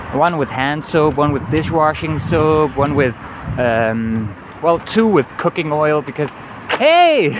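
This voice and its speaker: Out on a city street amid clear traffic noise, a Danish-accented travel vlogger, a native Danish speaker, gives an earnest, wandering walking monologue punctuated by "you know." His voice is fairly high in pitch.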